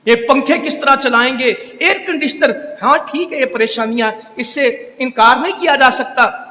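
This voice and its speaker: A man's voice: very high-pitched, normal speed, sharp tone. A man preaching a Friday sermon in a mosque, scolding and exhorting with rhetorical questions. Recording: echoey hall reverb.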